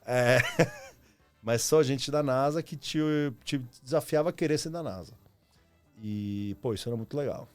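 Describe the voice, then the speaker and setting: An Argentine man in his 30s, a former marketing executive, appears as a podcast guest, telling his story in a casual, reflective way with slangy, informal speech. His medium-pitched voice is unhurried, with no echo and faint music behind it.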